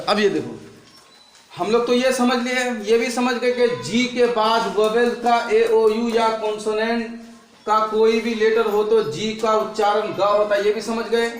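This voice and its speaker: A male teacher with a very high voice works through a lesson in front of a board. He keeps asking his class questions and repeating the answers back. The sound rings around a roomy, echoey classroom. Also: steady tone, a little slow, pauses often, slight background noise.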